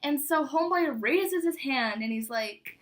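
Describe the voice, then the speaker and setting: A woman's voice: high-pitched, expressive, measured pace. A young woman chatting casually to viewers as she reads aloud from an old diary, embarrassed and poking fun at herself. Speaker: vlogger.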